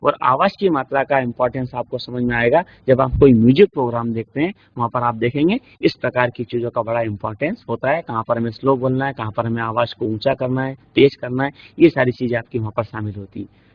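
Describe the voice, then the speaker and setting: A man with an Indian accent giving a classroom lecture, explaining slowly with many examples and rhetorical questions. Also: medium pitch, a little hiss or hum. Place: classroom studio. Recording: dull lo-fi recording.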